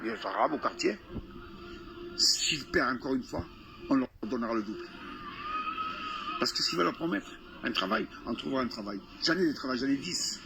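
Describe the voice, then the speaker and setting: A man's voice: mid-range voice, lively intonation, moderate pace, creaky, pauses often, noisy background. A man talking local politics informally, insistent, interjecting and repeating himself. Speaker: local community campaigner. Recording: music playing behind the voice.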